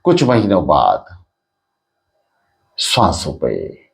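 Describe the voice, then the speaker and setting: A man leads a guided meditation in a very low, gravelly voice. He speaks slowly and softly, leaving long pauses between short phrases. His pitch still moves a lot, rising and dipping from line to line. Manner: slow, calm, soft-spoken instruction with long pauses.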